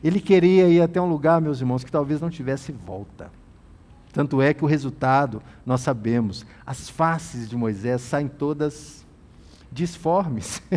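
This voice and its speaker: A man teaching from the Bible in a sermon style, reading scripture and paraphrasing God's voice gently, then rising to emphatic exhortation. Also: mid-range voice, in a large hall. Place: inside a tent.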